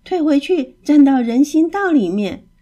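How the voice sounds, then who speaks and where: A woman's voice: high voice, sing-song, a little slow, mellow, lo-fi sound, pitched above the performer's own voice. A woman voicing a chirpy parrot that repeats what others say in a storybook. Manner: repeats others, sing-song.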